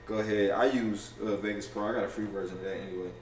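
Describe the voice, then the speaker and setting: A man in a casual livestream to camera, talking fast and loosely with lots of slang, profanity, restarts and "you feel me" asides. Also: lowish voice, steady tone. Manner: fast and offhand. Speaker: content creator going live. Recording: roomy, distant camera audio with faint ambience.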